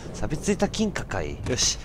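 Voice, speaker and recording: A man giving casual let's-play commentary, breaking from muttered asides into loud startled outbursts. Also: mid-range voice, wildly swooping pitch, unhurried, a little hiss or hum.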